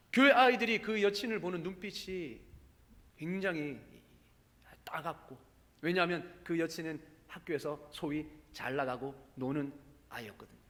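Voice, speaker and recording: A man's voice: high voice, a bit bright. A man preaching a sermon as pastor, telling a story and building to fervent exhortation. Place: church sanctuary. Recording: church hall reverb.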